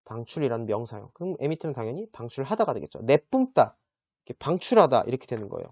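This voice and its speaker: A man's voice: mid-range voice, sing-song, a little mellow, no echo. Chatty male English tutor, dull dry sound. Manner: chatty, checks in with listeners often, models pronunciation slowly. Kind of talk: casual vocabulary lesson.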